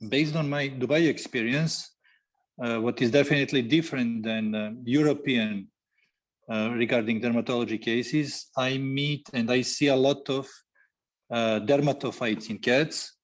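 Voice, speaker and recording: A man, a guest veterinarian on a podcast interview, speaking haltingly with many fillers and grammar. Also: mid-range voice, steady tone. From Serbia. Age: 40s.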